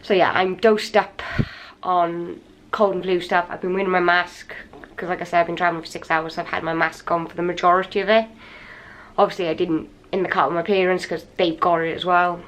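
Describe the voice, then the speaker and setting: A woman chatting casually to her camera in a hotel room, slightly raspy and a little wheezy from a cold, rambling and tired. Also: lowish voice, little pitch movement, brisk, a bit bright, a little hiss or hum. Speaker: vlogger. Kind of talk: casual vlog chat to camera. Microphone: handheld camera.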